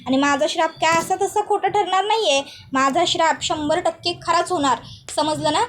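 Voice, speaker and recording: A bitter woman swearing that her curse will come true, voiced by a woman narrator. The voice is high and insistent, hammering each point home. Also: moderate pace, fairly bright tone. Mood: vengeful. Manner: vindictive, insistent. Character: cursing woman, vengeful and bitter.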